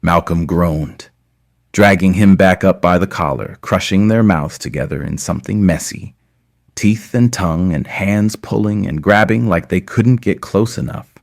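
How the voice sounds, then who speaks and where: A deep, creaky male voice narrates an intimate romance story. He speaks slowly and in a measured way, phrasing deliberately and leaving dramatic pauses between short phrases.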